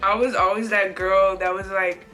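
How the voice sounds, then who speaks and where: A woman's voice: mid-range voice, steady tone, moderate pace, bright, forceful tone. A woman co-hosting a casual mukbang chat, giggly and chatty, asking the questions. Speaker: co-host of a mukbang channel. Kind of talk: casual chat while eating.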